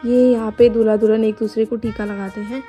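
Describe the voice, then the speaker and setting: A woman's voice: a little high, level tone, a little fast, lo-fi sound. A young woman from Uttarakhand, India, rambling casually and laughing a little as she narrates her wedding photos in a vlog voice-over. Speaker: vlogger. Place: voice-over, not recorded at the pictured wedding. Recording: voice with clear background music.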